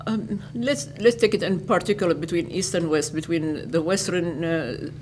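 An older woman from Iraq, an educator giving interview answers in a lecture hall, speaking in a measured way and restating her phrases. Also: lowish voice, darkish tone, a little hiss or hum.

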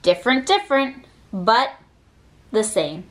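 Each short line of the children's picture book gets deliberate phrasing and a pause after it as this woman reads aloud. Her fairly high voice swings in pitch with great liveliness.

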